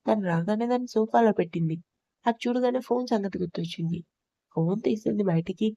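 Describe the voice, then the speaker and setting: A woman storyteller narrating a love story aloud in a steady, plain manner. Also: medium pitch, brisk, vocal fry, no echo, muffled recording. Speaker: audio storyteller.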